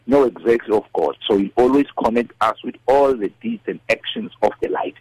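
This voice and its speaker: Husky South African man, devotional talk. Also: mid-range voice, expressive, brisk, a little mellow, no echo, rough recording. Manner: mixes English with a Nguni language. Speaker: radio discussion guest.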